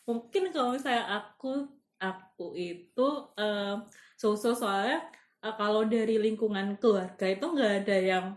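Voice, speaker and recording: A woman, talking casually on a podcast with many pauses and fillers. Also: mid-range voice. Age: 20s. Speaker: podcast co-host. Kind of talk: casual chat. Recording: echoey room.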